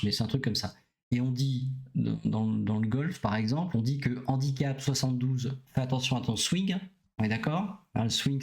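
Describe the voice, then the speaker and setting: A middle-aged man talks through ideas in a relaxed, unscripted way, as a doctor chatting with his audience. He hesitates often and keeps asking his listeners whether they follow. His voice sits in an ordinary middle pitch. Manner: hesitant, many "euh" fillers, often checks in with listeners. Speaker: doctor streaming to viewers. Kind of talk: casual explanatory talk to a live audience.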